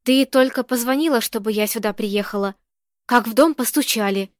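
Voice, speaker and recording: A woman's voice: a little high, normal speed, dry recording, close to an everyday voice. A woman reading the lines of a fussy, talkative old landlady who chatters and frets, in a dry, close-sounding recording. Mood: fretful. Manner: chattering, fretful.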